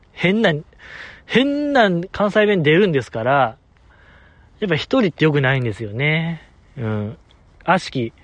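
A man's voice: on the high side, a bit bright, no room sound. A man hosting a solo podcast episode, chatting casually and joking at his own expense. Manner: joking, self-mocking, chatty. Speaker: podcast host.

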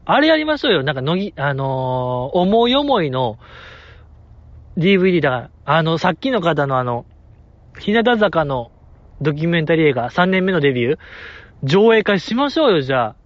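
Animated man, dry lo-fi. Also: a little high, a little fast, dry recording. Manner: animated, joking, playful put-on voices in quoted asides. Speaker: podcast host. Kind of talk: casual chat. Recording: dry, dull lo-fi podcast audio.

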